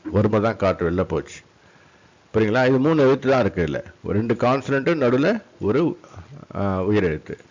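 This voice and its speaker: Patient male teacher, slow repeated words. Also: fairly low pitch, very animated, darkish tone. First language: Tamil. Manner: patient, repeats words slowly, checks understanding often. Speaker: English teacher. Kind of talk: classroom lecture on syllables and stress. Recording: dull lo-fi sound.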